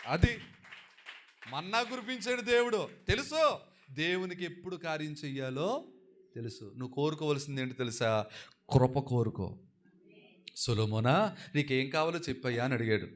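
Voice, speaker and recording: A man pastor delivering a lively sermon, pressing the congregation to answer him back. His voice swings from soft, low asides up to loud, high, ringing declarations, and he repeats phrases for emphasis. He sometimes acts out the everyday prayers of ordinary people. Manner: exhorting, calls for replies from the congregation.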